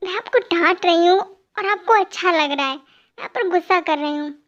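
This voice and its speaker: A woman's voice: very high voice, normal speed, fairly bright tone, muffled recording. A woman voicing a sulky, scolding young wife. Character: angry pregnant young wife, scolding her husband. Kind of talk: amateur fan dub.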